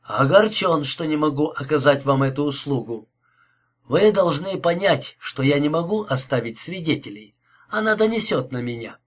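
A man reading an audiobook, voicing a calm, politely mocking male killer with a husky voice. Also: a little high, moderate pace. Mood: cold menace. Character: cold courteous male killer, calm and menacing.

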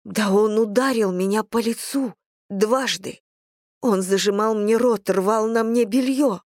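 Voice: medium pitch, a little slow, dry recording, studio quality, voice pushed up, lightly acted. A narrator voicing a tearful, betrayed young daughter in an audiobook, with a shaky, broken, pleading voice. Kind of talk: audiobook character reading.

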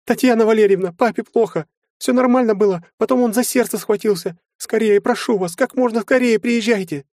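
A male audiobook narrator voicing a panicked young woman, sobbing and pleading in a high, strained voice. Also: a little fast, darkish tone, no echo, clean studio sound, lightly acted. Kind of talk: audiobook character voice.

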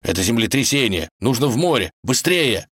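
A man voicing a loyal, flustered talking grey wolf in a storybook reading, hurried in manner. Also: fairly low pitch, sing-song, gravelly, a bit bright, dry recording, clean studio sound, pitched above the performer's own voice, heavily acted. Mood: urgent.

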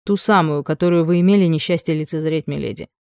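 Brief: soft-spoken noble dragon lord, tender and wry, mellow and dry, read by a woman narrator. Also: quick pace, vocal fry, clear, resonant tone, dry recording. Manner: low, hushed and soft-spoken.

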